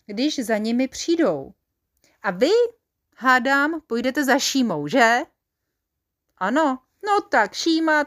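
A woman voicing a gentle, polite male mouflon commander with big horns in a storybook, speaking sweetly and courteously. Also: a little high.

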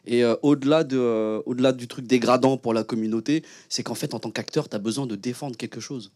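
Relaxed slangy man on a panel. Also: medium pitch, brisk. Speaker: panel guest actor. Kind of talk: casual panel talk.

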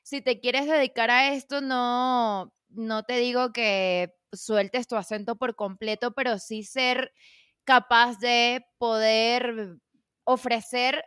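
Venezuelan woman, podcast host, lively, bright high voice, dry close mic. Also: slow, clear, resonant tone, no echo. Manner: lively storyteller, laughs easily. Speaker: podcast host, voice-over artist. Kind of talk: casual interview chat.

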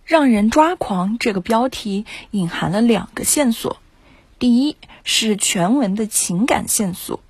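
A woman teacher giving a measured, explanatory critique of a pupil's essay. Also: a little high, animated, darkish tone, husky, no echo. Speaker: writing teacher. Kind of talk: essay commentary.

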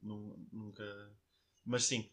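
A man's voice: on the low side, level tone, slow pace, a bit bright, a little hiss or hum. A man with a northern Portuguese accent in casual banter, repeating words as he thinks aloud. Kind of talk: casual banter between friends.

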